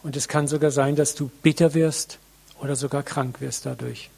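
A man preaching a sermon to a congregation, earnest and reflective, with many pauses, addressing listeners directly. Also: mid-range voice, steady tone, vocal fry, warm tone, slightly rough.

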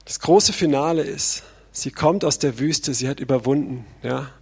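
Gravelly, husky man preaching. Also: mid-range voice, moderate pace, darkish tone. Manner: conversational, frequent tag questions. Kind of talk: sermon.

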